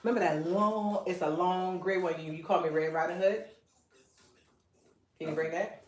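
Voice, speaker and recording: A woman's voice: on the low side, normal speed, slight background noise. A woman with a Gullah Geechee accent, hosting a casual live-stream fashion chat at home and teasing her husband between points. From Beaufort, South Carolina, USA. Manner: animated, chatty, teasing asides to her husband. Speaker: clothing brand owner hosting a live stream. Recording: echoey room.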